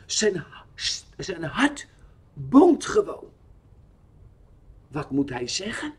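A man telling a Bible lesson story to children in an expressive way, asking the listener questions. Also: on the high side, drawn-out words, breathy edge.

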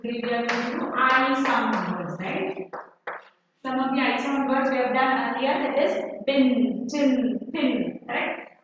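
A woman with an Indian English accent teaching kindergarten phonics. She spells words letter by letter and keeps checking in with a questioning "okay?". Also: sits high. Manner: slow, drawn-out spelling with rising questioning checks. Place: school classroom. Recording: distant echoey classroom, lo-fi, faint hiss.

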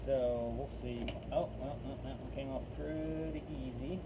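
A man in his thirties talks through a hands-on fix in an easy, practical way, as if showing a friend. The sound is thin and phone-like. Clear background noise from outdoors runs under his voice. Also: medium pitch, unhurried. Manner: relaxed, step-by-step explaining while working with tools. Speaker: DIY repair vlogger. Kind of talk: casual how-to narration. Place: outdoors at the open back of a vehicle. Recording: tinny phone audio, noisy outdoor background.

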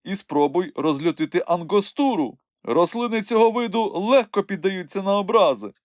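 A man doing a calm young wanderer. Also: high voice, normal speed, no room sound, clean studio sound, pitched above the performer's own voice. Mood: urgent. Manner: composed, advising. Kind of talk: audiobook character voice.

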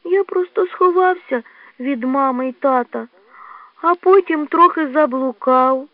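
A woman voicing a boastful young male badger cub who talks shrill and excitable. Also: a little slow, no room sound. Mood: wistful. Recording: tinny lo-fi dry recording.

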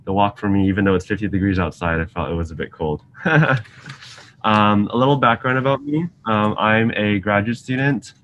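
The recording is lo-fi with slight background noise, coming from a video call webcam in an indoor lab office with shelves. A young Singaporean graduate student speaks in a lowish, slightly bright voice at a moderate pace, leading a casual online science lesson. He's chatty and friendly, ums often and asks his students questions.

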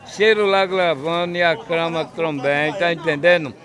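A man's voice: on the high side, steady tone, moderate pace, a crowd in the background. A middle-aged man giving an impromptu thank-you address. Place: outdoor street market.

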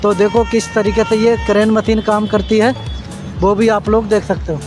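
Holding his phone while walking beside a busy road, a man vlogs casually about a construction site, talking straight to viewers as friends and pointing things out. His voice sits high, level and at normal speed over music, and he tends to repeat himself.

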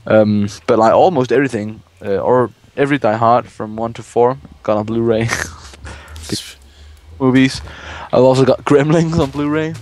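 At a normal speed and with a medium, darkish voice, this let's play host wanders off into movie talk as he games. He keeps things casual and curses when startled, and the audio carries a slight hiss or hum.

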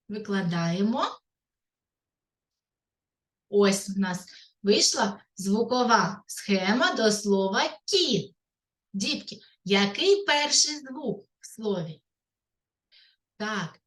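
A woman kindergarten teacher from Ukraine leading a slow literacy lesson for small children, in a sing-song way. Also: a little high, a bit bright. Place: kindergarten classroom. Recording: echoey room, voice from a distance.

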